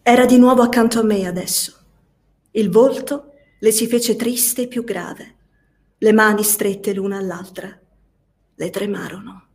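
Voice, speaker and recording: A woman narrating a classic novel as an audiobook, slow and measured. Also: medium pitch, steady tone, a little mellow. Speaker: audiobook reader. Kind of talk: scripted literary narration.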